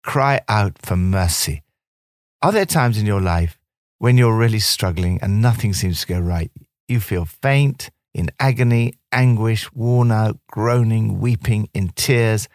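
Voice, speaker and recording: A man giving a devotional talk, reading Bible passages and reflecting on them in a calm, measured way. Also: fairly low pitch. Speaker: devotional presenter.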